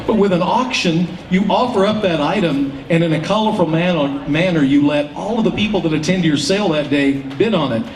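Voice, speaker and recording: A man's voice: fairly high pitch, a little fast, few pauses. A man hosting a public event, explaining things to an audience in a folksy way. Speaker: auctioneer and event emcee. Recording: roomy PA sound, distant, faint noise.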